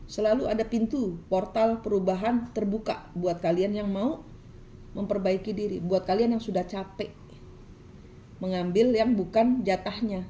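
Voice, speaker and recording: A woman's voice: mid-range voice, steady tone, normal speed, dark tone, a little hiss or hum. A woman tarot reader, giving a preachy, scolding reading full of repetition.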